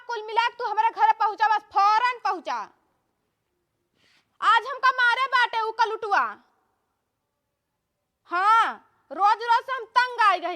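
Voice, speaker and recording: Woman acting a shrill, scolding Awadhi village wife. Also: pushed and bright, full character voice. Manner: scolding, indignant. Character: fed-up, feisty village wife, threatening and complaining. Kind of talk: amateur village comedy skit acting.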